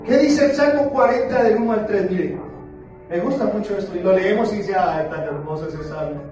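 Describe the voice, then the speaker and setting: A man preaching a sermon as pastor, playful and questioning, slowing down for emphasis. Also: high voice, lo-fi sound. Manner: playful, asks the congregation questions, slows down for emphasis. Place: church sanctuary. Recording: very echoey church hall, far from the mic, with music behind.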